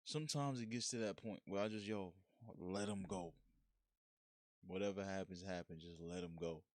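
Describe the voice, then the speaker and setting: A man's voice: sits low, normal speed, darkish tone, no room sound, studio quality. A man hosting a solo podcast, talking in a frank, slangy, laid-back way in a casual monologue. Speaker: podcast host.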